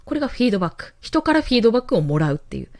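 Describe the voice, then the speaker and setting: A woman's voice: fairly high pitch, very animated, racing, darkish tone, dry recording, clean studio sound. A young woman hosting a casual live stream, chatty and laughing often, talking into a handheld mic. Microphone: handheld mic, moved around.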